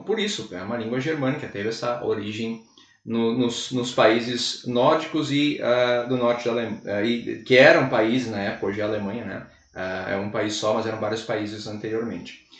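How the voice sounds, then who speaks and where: A man's voice: medium pitch, echoey room, distant mic. A man from Brazil, an English teacher chatting on a podcast and rambling with many restarts. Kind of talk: casual classroom-style chat.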